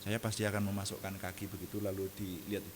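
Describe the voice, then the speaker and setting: A man preaching an evening prayer sermon, animated and jokey, often laughing at his own asides. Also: low-pitched, fast, in a large hall, noisy background.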